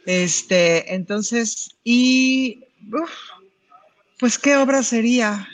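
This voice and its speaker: A woman's voice: on the high side, very slow. A Mexican woman on a talk panel, joking and teasing the others. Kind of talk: comic panel banter.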